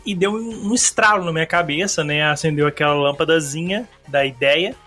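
Slightly hoarse man hosting a chatty podcast. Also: on the high side, brisk, sharp tone, soft background music. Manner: chatty, rambling, slangy. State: a bit hoarse. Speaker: podcast host. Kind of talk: casual solo podcast monologue. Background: faint song playing.

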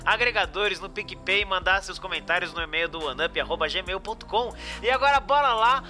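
High, bright Brazilian man hosting a podcast. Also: a little fast, faint music behind. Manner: informal, enthusiastic, slangy. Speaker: podcast host. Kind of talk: casual chat, animated podcast introduction and discussion.

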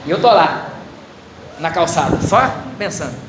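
A man with a fairly high voice delivers a lively, story-driven sermon, cracking jokes and turning to the congregation with questions. His voice rings through a large hall with a long reverb. Steady background noise sits under him. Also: unhurried. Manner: animated, humorous anecdotes, addresses audience directly. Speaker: preacher. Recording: echoey hall with loud ambient noise.

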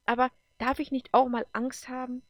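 A woman's voice: sits high, flat delivery, moderate pace, dry recording, pitched above the performer's own voice, close to an everyday voice. A woman voicing an emotional, defensive female leader in an audiobook, talking heatedly and then apologetically. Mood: pleading.

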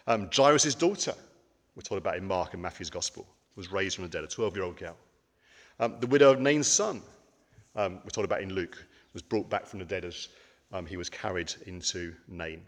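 A man's voice: on the low side, long reverb tail. A man giving a conversational sermon, with frequent ums and rhetorical questions. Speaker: preacher.

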